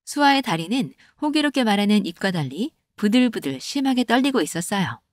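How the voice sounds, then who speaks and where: A woman narrating a comic folktale animation in a gentle storytelling cadence. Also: medium pitch, big pitch swings, fairly quick, dry recording, clean studio sound.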